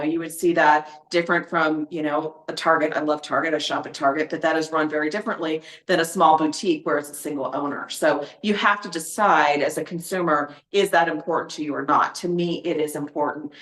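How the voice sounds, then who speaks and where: A woman's voice: sits low, fairly bright tone, echoey room. A woman speaking as a guest expert and author in a casual podcast conversation, explaining things in a chatty way with lots of fillers and everyday examples.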